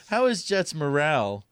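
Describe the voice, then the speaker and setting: A man's voice: fairly high pitch, very animated, slow pace, clean tone, no echo. Wry man hosting, dry sound. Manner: wry, teasing. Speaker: sports show host. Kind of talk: casual sports talk.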